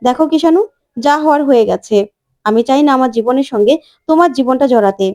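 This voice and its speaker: A woman's voice: high-pitched, fast talker, a little mellow, natural voice. A woman voicing a hurt young woman who speaks firmly and reproachfully. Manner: firm, reproachful.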